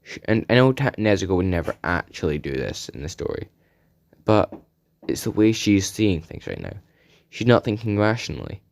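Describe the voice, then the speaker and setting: Low-voiced man rambling through a fan story. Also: sing-song, moderate pace, gravelly, a little mellow. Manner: rambling, unscripted, self-correcting. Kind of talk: casual spoken fan story.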